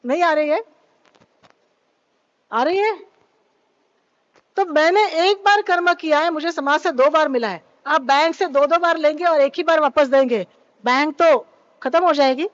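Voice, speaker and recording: A woman gives a spiritual talk at a yoga event, speaking into a live-event microphone in a high-pitched voice, a little slowly and with frequent pauses. She repeatedly asks her listeners questions and uses English phrases here and there. The audio is dull, with no room sound.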